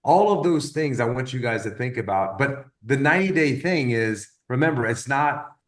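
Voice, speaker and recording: A man in his fifties talking through goals in a loose, rambling coaching chat. His voice sits at a middling pitch. He repeats words as he works through his thoughts, and he drifts into animated little stories. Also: moderate pace. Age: 50s. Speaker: wellness business coach. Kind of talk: casual motivational talk.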